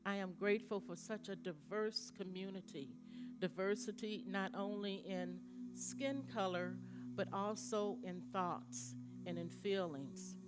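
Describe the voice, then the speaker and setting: A woman leading a slow, calm gratitude prayer in a church, repeating her thanks line by line. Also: medium pitch, music in the background. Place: church sanctuary.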